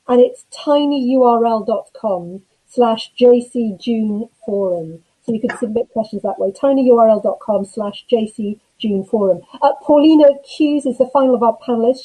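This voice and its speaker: A woman moderating an online panel, brisk and directive with the audience. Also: fairly high pitch, mellow, husky, low-quality recording. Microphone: video call.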